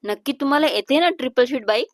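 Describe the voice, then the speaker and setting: A woman voicing a shy young bride and college student who speaks softly and gently in a storybook romance. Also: high-pitched, lively intonation, fast talker, no echo, studio quality. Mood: gentle. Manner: soft, gentle and coaxing.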